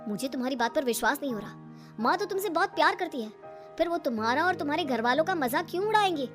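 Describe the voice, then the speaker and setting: A woman voicing a sensible grown son in a cartoon, speaking calmly. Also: sits high, quick pace, over music. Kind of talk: cartoon voice acting.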